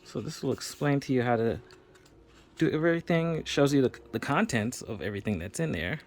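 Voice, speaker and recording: A man talks through an unboxing in a loose, chatty way, full of fillers and small bursts of excitement. His voice sits at an ordinary middle pitch. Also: brisk, slight background noise. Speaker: unboxing video host. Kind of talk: casual unboxing commentary.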